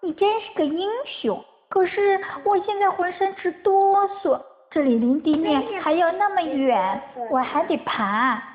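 A woman's voice: very high-pitched, lively intonation, measured pace, hardly any pauses, pitched above the performer's own voice. A woman voicing a tiny, frightened storybook mouse with a shaky, pleading voice, on a tinny phone-like recording.

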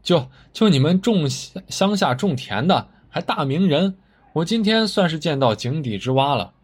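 A blustering middle-aged car dealer who stammers when cornered, his voice jumping high and lively, as a male storyteller acts him out. He is pushy and quick to flare up. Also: husky. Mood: mocking.

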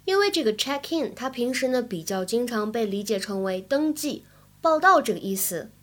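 Woman English teacher, slightly high voice, clear and careful explanations. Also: expressive, moderate pace. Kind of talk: language lesson.

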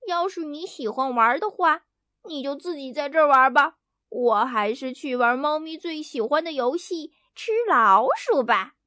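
A mischievous little storybook kitten coaxes and teases in a lifted, high voice, performed by a woman. The sound is close and dry, and the delivery is slow. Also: very animated, a bit bright, no echo, heavily acted. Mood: playful coaxing. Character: playful young kitten, mischievous and greedy.

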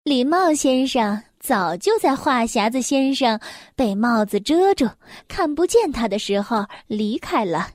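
A woman reading a children's story aloud in a gentle, expressive storytelling voice. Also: on the high side, a little slow, dry recording, studio quality.

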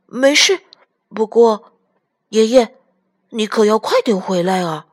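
Woman doing a bright eager little grandson. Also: fairly high pitch, expressive, slow pace. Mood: earnest. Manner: bright, raised, earnest. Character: young grandson, eager and loving.

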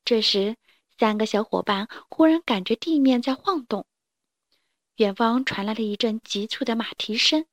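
A woman's voice: a little high, expressive, moderate pace, dry recording. Woman reading a children's story. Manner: gentle, clear storybook reading. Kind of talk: scripted narration.

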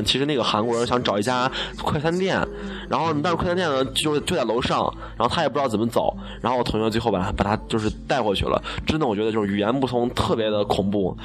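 A young man from Xi'an, telling funny stories in a chatty, self-mocking way. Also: mid-range voice. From Xi'an, China. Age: young adult. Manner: chatty, self-mocking, laughs at own jokes. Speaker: broadcasting student. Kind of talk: casual storytelling monologue.

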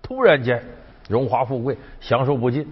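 A man's voice: mid-range voice, expressive, normal speed, slightly rough. A man telling a folk legend in a chatty, colloquial storytelling style with folksy asides. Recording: dull lo-fi sound.

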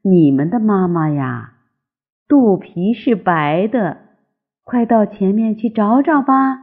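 A good-natured big mother turtle from a storybook, speaking slowly and patiently, as an older woman puts her on. The sound is thin and lo-fi, like a phone line. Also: medium pitch, expressive. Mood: kindly.

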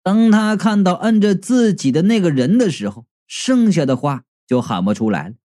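A man narrating a comedic novel in the first person, telling the story in a lively, expressive way. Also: high-pitched, normal speed. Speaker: audiobook narrator.

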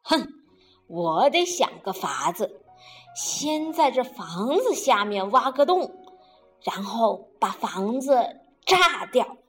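一位女性用哼哼的威胁语气扮演贪心又爱吹嘘的大野狼。. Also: female voice, a little high, big pitch swings, slow, a bit bright, faint music behind, exaggerated voice. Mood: scheming. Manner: huffing, threatening, grumbling. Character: big bad male wolf, greedy and blustering.

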